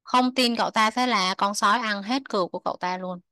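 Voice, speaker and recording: A woman teaching English to children, repeating words slowly, translating them and chatting with soft sentence endings. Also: mid-range voice, dry recording. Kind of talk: explaining a textbook lesson to children.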